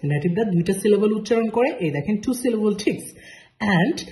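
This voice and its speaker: A man's voice: high voice, animated, normal speed, darkish tone, reverberant, slight background noise. A man with a Bangladeshi accent teaching English pronunciation in a spoken lesson, explaining step by step and asking and answering his own questions.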